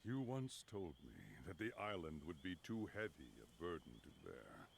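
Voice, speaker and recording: An actor playing a wise, grave old master in a video game, speaking in a gravelly, solemn, formal way. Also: male voice, sing-song, moderate pace, slight background noise, exaggerated voice. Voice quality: deep, gravelly.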